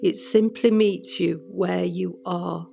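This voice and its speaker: A sound healing guide giving scripted meditative narration in a measured, soothing manner. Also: medium pitch, steady tone, creaky, dark tone, a little hiss or hum.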